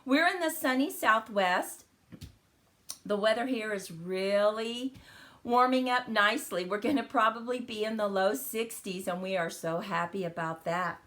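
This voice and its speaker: A woman hosts a live card-making stream, chatting warmly and welcoming viewers during her crafting demo. Her medium-pitched voice is a bit bright and a little slow, slightly crackly after the flu.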